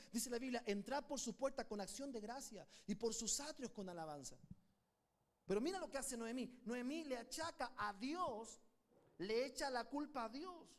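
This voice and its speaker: Chilean male pastor preaching fervently. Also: very high voice. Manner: fervent preaching with call-and-response to the congregation. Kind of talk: sermon.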